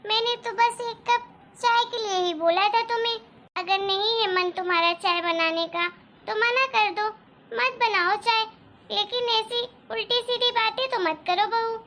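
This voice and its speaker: A woman voicing a gentle, motherly mother-in-law who frets softly in a cartoon story. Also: very high-pitched, unhurried, slight background noise, exaggerated voice. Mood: scolding. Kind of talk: Hindi cartoon story dialogue.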